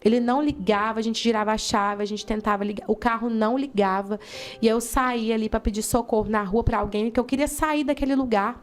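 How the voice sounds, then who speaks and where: Uma jovem missionária com sotaque brasileiro dá seu testemunho pessoal com emoção, contando cenas vivas e imitando as falas das pessoas. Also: female voice, fairly high pitch, fairly even intonation, fairly quick, soft background music. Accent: Brazilian. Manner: fervent, vivid storytelling with acted-out quotes. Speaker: missionary giving testimony. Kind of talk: emotional personal testimony in an interview.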